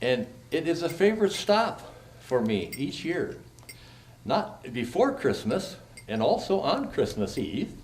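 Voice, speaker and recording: A man's voice: on the high side, big pitch swings, a little mellow, a little hiss or hum. An older man playing Santa Claus as a jolly, kindly old storyteller, theatrical and grandfatherly as he speaks to children at a live event. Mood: kindly, encouraging. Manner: theatrical, grandfatherly, unhurried phrasing. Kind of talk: storybook poem reading and kindly address to children.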